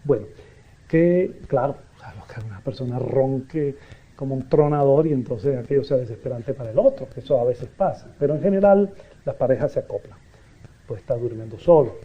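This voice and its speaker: A man giving a public lecture to an audience, animated and joking with listeners. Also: mid-range voice, a little fast. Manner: animated, jokey asides to audience. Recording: dull lo-fi lecture recording.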